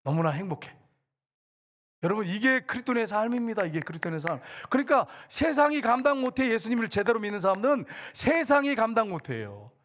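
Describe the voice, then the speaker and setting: A man preaching a sermon as a church pastor, animated, with loud exclamations and quiet asides. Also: very high voice, quick pace, hardly any pauses. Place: church sanctuary.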